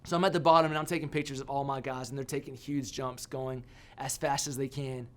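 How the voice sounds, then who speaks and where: A man giving a sermon as a youth pastor, telling a personal story with animated, self-mocking humor. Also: mid-range voice, a little fast.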